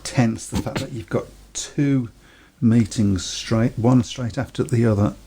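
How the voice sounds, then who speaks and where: A man's voice: medium pitch, a little slow, background noise. A man co-hosting a casual sports chat, talking in a chatty, hesitant way and laughing easily. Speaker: podcast co-host.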